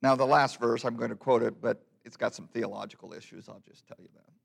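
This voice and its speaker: A man's voice: medium pitch, brisk, creaky. A man preaching a sermon, talking plainly to his congregation and reading an old hymn poem aloud with rising emphasis. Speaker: pastor.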